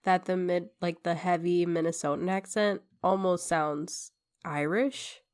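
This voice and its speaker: Slow-talking, lowish woman co-host. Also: fairly even intonation, a little mellow. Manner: reactive, laughs a lot, short joking asides. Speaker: podcast co-host. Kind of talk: casual chat.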